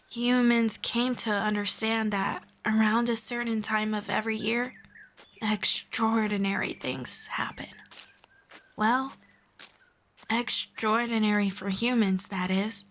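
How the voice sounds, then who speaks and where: A woman plays a friendly, knowledgeable female elf guiding a human in scripted roleplay audio, addressing the listener in a one-sided conversation. Her fairly high voice is formal, measured, and gently explanatory, with a thoughtful tone.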